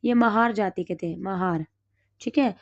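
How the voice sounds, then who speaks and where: Female tutor, hoarse, medium pitch, self-quizzing note review, dry dull recording. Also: unhurried, dry recording. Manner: asks and answers her own quiz questions. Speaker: exam prep teacher. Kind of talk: reading through study notes.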